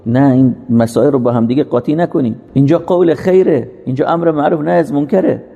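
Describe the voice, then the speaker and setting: A religious teacher delivers an earnest, sermon-style lecture, posing rhetorical questions and then answering them. His voice sits on the high side, creaky and husky with a warm tone, and the highs sound cut off. A long hall reverb surrounds the recording.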